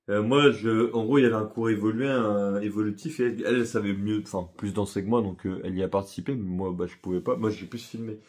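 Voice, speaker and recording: A man's voice: lowish voice, darkish tone. A young man telling a story in a casual vlog, rambling and slangy, with lots of fillers and self-corrections. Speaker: vlogger.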